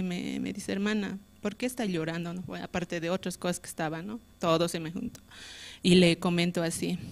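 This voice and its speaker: Bolivian woman doing a church testimony, chatty, lots of little tag questions, stops to look up verses. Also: fairly low pitch. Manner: conversational, many filler questions, searches for verses aloud. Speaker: church member giving testimony. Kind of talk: spoken testimony at a church service.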